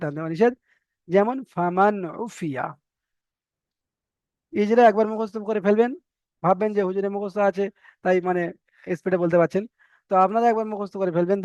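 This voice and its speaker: A man teaching an online Quran recitation lesson, spelling out letters slowly and rattling off repeated rules quickly. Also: sits high, a little mellow, no room sound, lo-fi sound.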